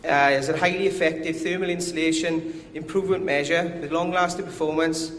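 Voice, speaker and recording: This company director has a strong Welsh accent and a slightly high, fairly bright voice, keeping a steady tone at a fairly quick pace. He presents at a conference in a hall, sounding somewhat nervous and poking fun at himself. The audio carries hall echo and a faint background hiss.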